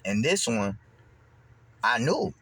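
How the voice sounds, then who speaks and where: A young man casually recounting a dream, rambling and restarting his sentences, animated whenever he quotes someone. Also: medium pitch, slow, slightly rough. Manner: rambling, repeats words and restarts, animated when quoting. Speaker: vlogger. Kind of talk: casual storytelling.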